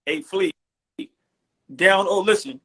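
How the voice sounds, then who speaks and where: A man in his forties hosting a livestream, teasing and trash-talking loudly in casual chat, repeating himself. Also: high-pitched, lively intonation, slow pace, gravelly. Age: 40s. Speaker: livestream podcast host. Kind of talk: casual sports trash talk.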